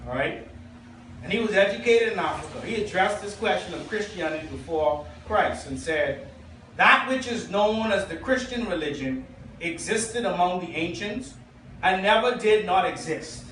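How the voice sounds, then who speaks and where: High-voiced Bahamian preacher in an echoey church. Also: male voice, expressive, moderate pace, fairly bright tone, recorded from a distance, slight background noise. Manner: preaching, reading quotations aloud, asking the congregation. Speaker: pastor. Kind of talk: sermon. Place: church hall.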